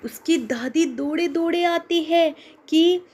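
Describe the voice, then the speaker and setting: A woman narrating an emotional cartoon moral story, telling it in a slow, emotive way. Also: extremely high pitch, darkish tone.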